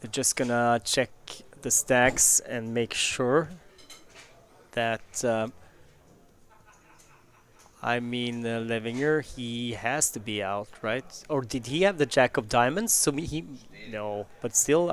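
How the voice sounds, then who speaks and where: A man's voice: medium pitch, slow pace. A man giving play-by-play commentary on a live poker tournament.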